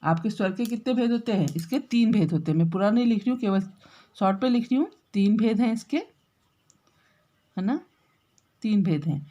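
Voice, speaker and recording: A woman teacher giving a grammar lesson, dictating notes slowly and repeating words as she writes, with frequent checking tags to her pupils. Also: mid-range voice, lively intonation, mellow. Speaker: school teacher. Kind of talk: classroom grammar lesson while writing.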